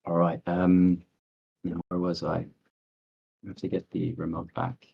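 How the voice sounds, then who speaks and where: A man's voice: low-pitched, completely flat delivery, slow pace, gravelly, slightly rough. Man with choppy, uneven call audio. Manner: hesitant, many fillers and restarts. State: audio cutting out, volume rising and dropping. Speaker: startup founder pitching a project. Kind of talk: presentation pitch on a video call. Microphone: video call. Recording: dull lo-fi video call audio.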